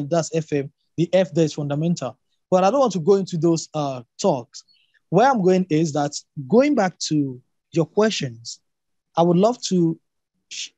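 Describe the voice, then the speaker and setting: This fairly high, mellow male voice belongs to a Yoruba-first-language speaker explaining emphatically in an unscripted academic discussion. He frequently repeats and rephrases, poses rhetorical questions, and the recording is muffled with no room sound.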